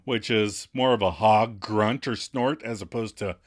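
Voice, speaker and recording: A man's voice: fairly low pitch, measured pace. A man co-hosting a podcast, casually recapping an episode and laughing often. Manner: animated recapping, acts out quoted lines, laughs often. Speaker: podcast co-host.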